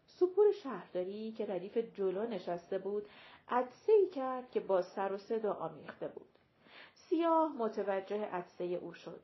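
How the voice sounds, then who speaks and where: A woman narrating a short story as an audiobook reader, measured and even. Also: mid-range voice, muffled recording. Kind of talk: scripted narration.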